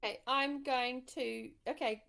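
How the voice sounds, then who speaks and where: A woman's voice: high-pitched, fairly even intonation, a little slow, creaky, a bit bright. A woman chatting casually as a player in a tabletop game, hesitant and unsure of herself.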